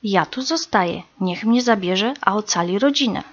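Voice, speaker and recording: A woman's voice: animated, moderate pace, a bit bright. A woman voicing a fussing, devoted mother hoopoe bird in a storybook reading. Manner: shrill, fussing. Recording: slightly dull recording.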